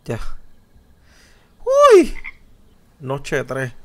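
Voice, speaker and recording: A young man with a Puerto Rican accent, commentating a horror game live, jumpy, yelling and swearing in quick repeated outbursts. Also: mid-range voice, wildly swooping pitch. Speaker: gamer.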